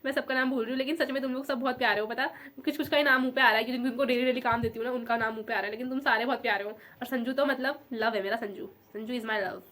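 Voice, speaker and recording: A woman's voice: a little high, fairly even intonation, rapid-fire, hardly any pauses, a bit bright. A young woman vlogging in casual chat, emotional and affectionate, rambling as she talks. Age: young adult.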